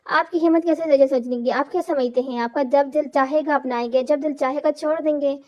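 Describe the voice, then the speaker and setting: Woman reading as a heartbroken proud girl, high voice, mellow, kinda dull lo-fi sound. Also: fairly even intonation, fairly quick, lightly acted. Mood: furious. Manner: reproachful, tearful pleading. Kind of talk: reading an Urdu romance novel aloud. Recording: dull lo-fi recording.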